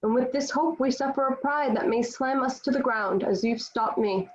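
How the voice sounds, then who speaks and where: A woman's voice: high-pitched, normal speed, natural voice. A woman playing a devout, defiant young Joan of Arc in a dramatic table read, speaking in formal, declamatory period phrasing. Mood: defiant, scornful. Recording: dull lo-fi virtual-meeting audio.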